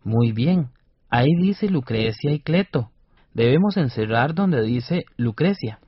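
A man with a slightly husky voice co-presents a radio reading lesson, explaining each step carefully and sounding out syllables slowly and distinctly. The studio sound is dry and a little dull. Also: medium pitch, animated, no room sound. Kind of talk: scripted educational radio lesson.

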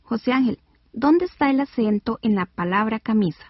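A woman hosting an educational radio lesson, reading a script clearly and spelling out words slowly. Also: fairly high pitch, lively intonation, no echo. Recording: dull lo-fi radio recording.

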